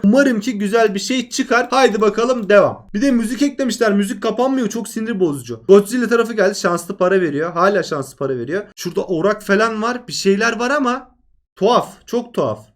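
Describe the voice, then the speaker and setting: A man giving casual commentary on a mobile game, talking straight to viewers, excitable and cursing freely at bad luck. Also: sits high.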